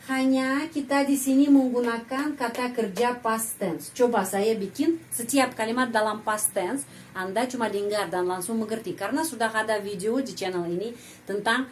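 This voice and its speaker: A woman teaching a language lesson, patiently explaining grammar and slowly repeating example sentences. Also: on the high side, slight background noise, low-quality recording.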